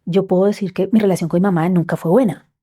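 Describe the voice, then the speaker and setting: A woman telling a personal story as a podcast guest, heartfelt and often dropping to soft near-whispers. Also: on the low side, fairly even intonation, quick pace, slightly rough.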